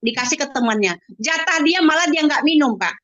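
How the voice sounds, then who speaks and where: High-voiced mom telling her story, earnest, keeps saying sir, dry kinda dull audio. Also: lively intonation, brisk, a bit bright, dry recording. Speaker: mother giving a testimonial. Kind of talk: emotional interview testimonial.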